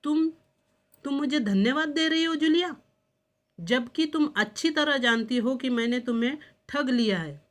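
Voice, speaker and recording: A woman reading out the lines of an indignant man who scolds his maid in a loud, trembling voice. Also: high-pitched, measured pace. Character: angry middle-aged male employer scolding his maid.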